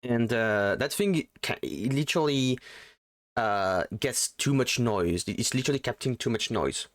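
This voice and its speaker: A man's voice: medium pitch, lively intonation, normal speed, no echo, studio quality. A man streaming from home into a desktop USB mic, chatting casually in a rambling, self-deprecating way full of fillers. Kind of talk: casual livestream chat.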